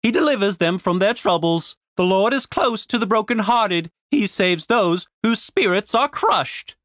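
A man voicing a scholarly wizard professor who speaks in a formal, measured, theatrical way. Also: high voice, expressive, fairly bright tone, dry recording, studio quality, pitched above the performer's own voice. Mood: solemn.

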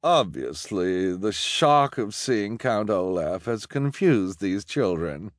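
A man voicing a scheming woman police officer who speaks slowly and condescendingly. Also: medium pitch, big pitch swings, dry recording, studio quality, voice pushed up. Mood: smug. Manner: slow, condescending.

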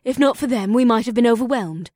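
A man's voice: very high voice, brisk, darkish tone, dry recording, studio quality, pitched above the performer's own voice. A man voicing a bold, commanding young elven princess in an audiobook, speaking urgently. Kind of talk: audiobook character voice.

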